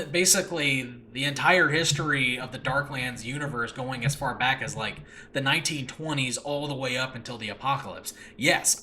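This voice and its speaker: A man with a medium-pitched, bright, forceful voice hosts a casual solo podcast, talking off the cuff with enthusiasm and often rambling or cutting himself off. He writes and voices audio dramas. He's recording in a room of his new home, a makeshift setup with no regular recording space, and faint background noise can be heard.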